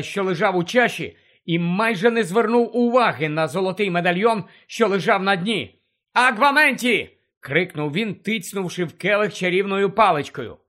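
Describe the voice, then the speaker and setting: A man narrating a fantasy audiobook with tense, urgent storytelling. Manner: tense, urgent storytelling that drops low and quiet for dark moments.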